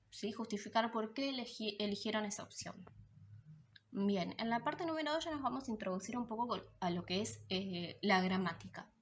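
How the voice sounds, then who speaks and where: A woman's voice: mid-range voice, a bit bright, slight background noise. Patient woman teacher explaining a lesson. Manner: patient, explanatory, checks in with a frequent "right?". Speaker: secondary school teacher. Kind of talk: recorded class explanation.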